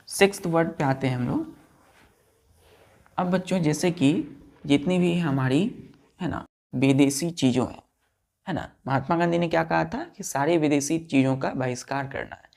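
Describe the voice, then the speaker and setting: A man preps students for an exam by teaching English vocabulary. He explains patiently, repeats key words, spells them out letter by letter and checks that students follow. His voice is on the high side, creaky and darkish.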